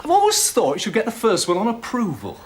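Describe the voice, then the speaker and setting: An actor playing a wry hospital anaesthetist, musing in dry, joking asides. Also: male voice, high-pitched, wildly swooping pitch, fast talker. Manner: dry, storytelling humour, musing.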